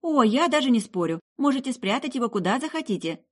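A woman's voice: high-pitched, sing-song, fast talker, slightly rough, pitched above the performer's own voice, heavily acted. A woman voicing a polite young heroine. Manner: polite, gently teasing. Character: young woman soul-mender, polite and calm.

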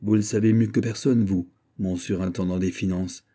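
A man voicing a polite, reserved young king who speaks in a courteous, measured way. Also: low-pitched, fairly even intonation, warm tone.

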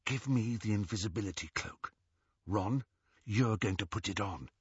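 A man voicing a young witch in an audiobook, hushed and breathy, urgent yet composed and decisive. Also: lowish voice, moderate pace, dry recording, lo-fi sound, voice pushed down. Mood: whispered, decisive.

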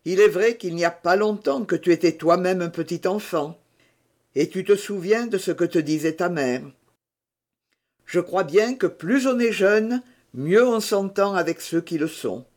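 A woman's voice: on the low side, measured pace, a little mellow, natural voice. A woman voicing an earnest, humble male farm laborer and father in an audiobook reading. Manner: earnest, self-reproaching.

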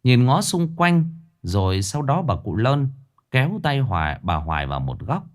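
A man narrating a ghost story in a dramatic, expressive storytelling manner. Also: medium pitch, normal speed.

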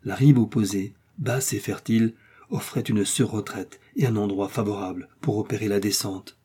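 Husky-voiced male audiobook narrator. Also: lowish voice. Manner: steady, measured storytelling. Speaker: audiobook reader.

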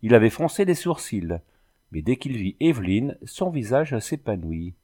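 A man narrating a literary audiobook in an expressive, animated reading. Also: on the low side, moderate pace.

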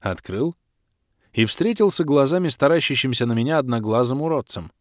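A man narrating a first-person fantasy audiobook with wry, lively storytelling. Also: medium pitch, fairly quick, dry recording, studio quality.

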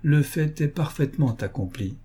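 A man reading as a sharp-witted young woman with a dry, ironic manner. The voice is dark and husky. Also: on the high side, lively intonation, normal speed, pitched above the performer's own voice.

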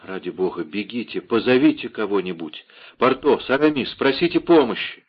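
A man's voice: lowish voice, lively intonation, moderate pace, breathy edge. A man reading a passionate young swordsman in an audiobook, urgent and crying out in alarm. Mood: desperate. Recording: dull lo-fi audiobook recording.

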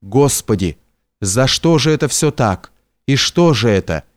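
A man's voice: medium pitch, lively intonation, measured pace, dry recording, close to an everyday voice. Distraught young princess voiced by a man, breathless, frantic, close dry sound. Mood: despairing. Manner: breathless, frantic, half-whispered.

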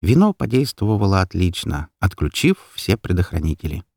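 A man narrating a first-person story in an expressive, lively storytelling manner. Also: low voice, moderate pace, creaky, dry recording, studio quality. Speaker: audiobook narrator.

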